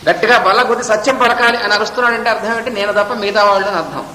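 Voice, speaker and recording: A man giving a spiritual discourse, reading a text and then explaining it, sometimes chanting verses slowly. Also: high voice, bright, forceful tone, roomy sound, big-room sound, slight background noise, low-quality recording. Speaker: spiritual teacher. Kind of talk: Gita discourse.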